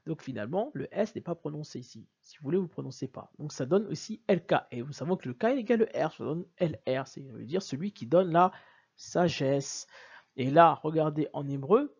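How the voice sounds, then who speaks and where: The dull-sounding recording captures a male word-origins video lecturer whose fairly high voice is animated, fairly quick, creaky, slightly mellow, and breathy. Emphatic and repeating himself over slides, he urges viewers to look with recurring "regardez" and "bien sûr".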